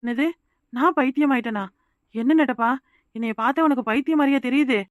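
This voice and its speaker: A woman voicing a frightened young village wife in a cartoon, with a Kanyakumari Tamil accent and a rapid, insistent manner. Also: high-pitched, no echo, clean studio sound, close to an everyday voice. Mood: indignant. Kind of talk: cartoon voice acting.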